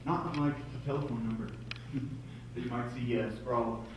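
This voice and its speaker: A man's voice: medium pitch, fairly even intonation, brisk. A man performing a live comedy juggling act, with showman patter to the audience and self-mocking jokes. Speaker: stage juggler and comic. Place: indoor stage before a live audience. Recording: very echoey distant live room recording with loud noise.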